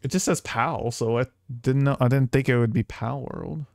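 A game streamer chats casually with his viewers, rambling along and swearing now and then. He has a steady, darkish mid-range voice and a moderate pace, recorded in clean studio sound without echo.

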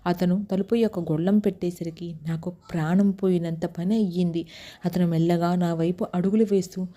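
A woman with a Telugu accent telling a first-person story in steady, unhurried narration. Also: on the low side.

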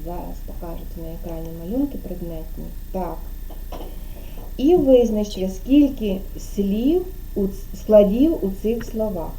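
A woman's voice: medium pitch, lively intonation, unhurried, mellow, slight background noise. A woman kindergarten teacher giving an online speech lesson to a child over a video call, patiently drawing out syllables and prompting.

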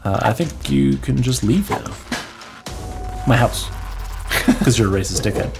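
A man co-hosting a let's play, teasing his friend with joking, animated banter. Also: mid-range voice, unhurried, gravelly, music in the background. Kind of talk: casual gameplay banter.

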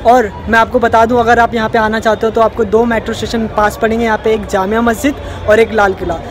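A man's voice: high voice, flat delivery, fast talker, background noise. A young man talking straight to his viewers in a casual vlog, filmed on a phone held at arm's length at an outdoor street market. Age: young adult. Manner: chatty, addresses viewers directly. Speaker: vlogger. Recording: loud crowd and music around.

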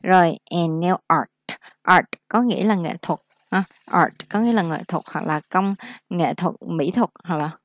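A woman gives a casual vocabulary lesson in a lowish voice. She speaks slowly and repeats each word so learners can follow. The sound is dry and close. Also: no room sound. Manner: explains slowly, repeats words for practice. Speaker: English teacher.

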